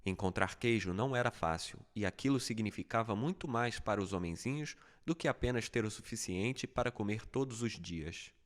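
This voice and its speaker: Male audiobook narrator, middle-pitched voice, steady even storytelling, scripted reading.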